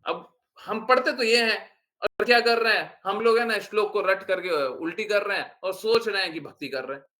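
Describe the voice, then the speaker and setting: A man acting as a spiritual teacher gives an informal devotional talk, animated and scolding, firing off rhetorical questions. He has a high voice and speaks at a moderate pace.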